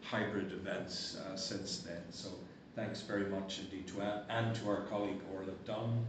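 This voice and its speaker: A man chairing a conference, giving courteous, brisk closing remarks and thanks in a university hall. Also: low-pitched, level tone. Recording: echoey hall, distant mic, noisy.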